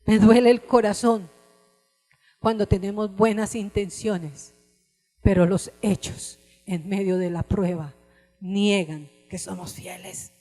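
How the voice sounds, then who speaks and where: A woman preaching a sermon with passion, rising to cries and dropping to hushed tones. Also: medium pitch, fairly even intonation, takes it slowly, long reverb tail, faint music behind. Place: church service.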